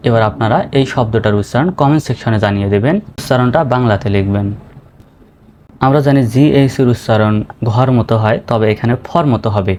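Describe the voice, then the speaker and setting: A male teacher with a Bangladeshi accent giving a pronunciation lesson. He spells each word out letter by letter, then says it slowly and clearly. His pitch sits at an ordinary middle, with a faint hiss of noise behind him. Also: a little mellow. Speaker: English teacher.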